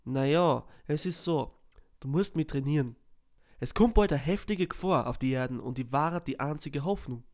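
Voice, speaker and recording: A man's voice: a little high, normal speed, a little mellow, lightly acted. A man with an Austrian accent voicing an eager, naive young fighter hero in a parody fan dub. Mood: earnest. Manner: earnest, eager.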